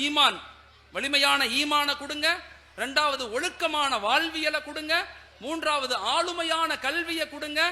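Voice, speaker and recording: A man's voice: very high voice, bright, forceful tone. Male preacher, emphatic and repetitive, ringing hall reverb. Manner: emphatic, repeats key phrases. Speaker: Islamic preacher. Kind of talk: sermon. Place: school event hall.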